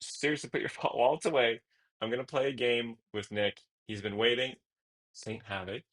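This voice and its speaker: Man, streamer, husky voice, casual live chat, flustered, laughing, indoors. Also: medium pitch, fairly even intonation, normal speed, fairly bright tone. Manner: flustered, laughing, jumps between topics. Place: indoor room.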